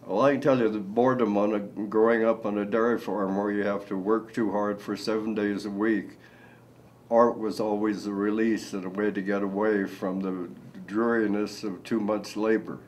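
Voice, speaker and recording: Slow, halting older man, low voice. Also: flat delivery, a little mellow, slight background noise, rough recording. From Nebraska. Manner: slow, halting, with many fillers. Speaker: artist. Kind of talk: interview. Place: indoor room.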